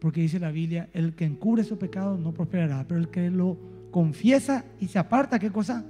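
A man with a Paraguayan Spanish accent preaching a sermon, telling a story and swinging between soft and emphatic delivery. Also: high-pitched, a little fast. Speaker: pastor. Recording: reverberant church hall with faint music.

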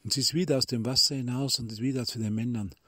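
A middle-aged man giving a devotional talk from a retreat, telling a story and addressing listeners as dear ones, sometimes dropping to a hushed near-whisper, recorded as a phone voice message. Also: medium pitch, fairly even intonation, fast, dry recording. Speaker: spiritual teacher. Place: retreat in Tuscany.

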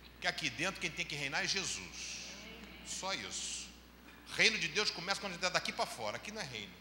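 Brief: male Brazilian pastor from Rio, sermon storyteller, higher-pitched bright voice, long church reverb. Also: slight background noise. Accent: Brazilian Portuguese, Rio de Janeiro. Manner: lively storytelling, acts out dialogue, swings from loud to quiet. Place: church hall. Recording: echoey church hall, long reverb, faint ambience.

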